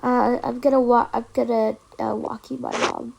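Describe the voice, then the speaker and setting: A woman's voice: on the high side, little pitch movement, normal speed, gravelly, highs cut off, heavy background noise. A young woman who is sick and coughing, narrating a toy role-play in a breathless, panicky way. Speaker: role-play channel creator.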